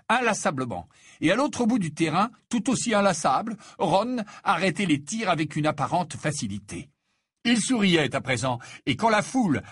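Expressive male audiobook narrator. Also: slightly rough, dry recording, studio quality. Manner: expressive, raises pitch for dialogue. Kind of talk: audiobook narration with character voices.

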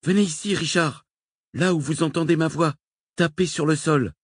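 Guy doing a brave explorer lady, voice pushed way up, calling out loud, dry close sound. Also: fairly high pitch, normal speed, breathy edge, no room sound, pitched above the performer's own voice. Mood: urgent. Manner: raised, urgent calls. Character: determined adult woman explorer, brave.

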